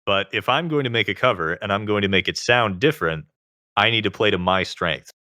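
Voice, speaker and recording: A man with a very low voice that still has a bright, forceful edge. He is a guest in a casual interview. He talks at length, leaning on filler words as he explains. The sound is close and dry. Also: fairly quick, no echo. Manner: talkative, explains at length with lots of "like".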